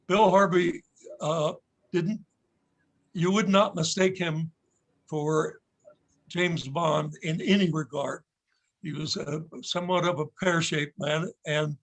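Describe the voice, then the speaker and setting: Older male guest, anecdotal storyteller, measured delivery, slightly high register, slow pace. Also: fairly bright tone, low-quality recording. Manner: unhurried, measured storytelling with pauses. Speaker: audience member telling a story.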